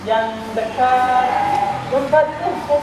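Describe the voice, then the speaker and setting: Brief: man in his twenties, teacher from West Java, unhurried storyteller, recorded far from the mic with background noise. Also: very high voice. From West Java, Indonesia. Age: 20s. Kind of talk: casual school talk. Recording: echoey room, distant mic, noisy.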